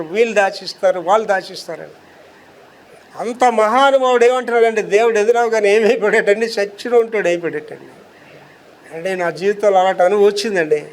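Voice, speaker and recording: Male preacher, high tenor, emphatic sermon style, rhetorical questions, slow deliberate scripture readings. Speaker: pastor.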